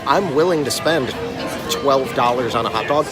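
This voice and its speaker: A man's voice: mid-range voice, moderate pace. Wry, casual man amid crowd and music. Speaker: co-host of a food review show. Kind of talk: casual chat, opinionated food review. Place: outdoors in a busy theme park. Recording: crowded outdoor park with music. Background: music and crowd chatter.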